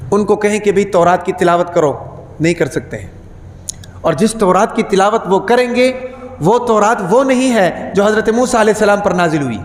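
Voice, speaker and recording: A man's voice: sits high, slight background noise. A man giving a Friday sermon, who keeps putting rhetorical questions to the congregation and repeats key words for emphasis. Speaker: preacher. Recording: echoey hall with long reverb.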